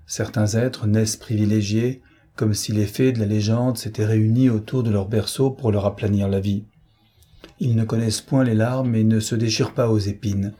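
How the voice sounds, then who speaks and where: Husky man narrating a novel. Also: on the low side. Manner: measured, even literary reading. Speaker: audiobook reader.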